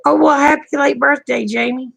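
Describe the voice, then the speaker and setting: A woman's voice: high-pitched, steady tone, normal speed, vocal fry, no room sound, rough recording. A woman in her fifties, hosting a live chat stream and talking casually with viewers in a folksy, talkative way, often chuckling. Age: 50s.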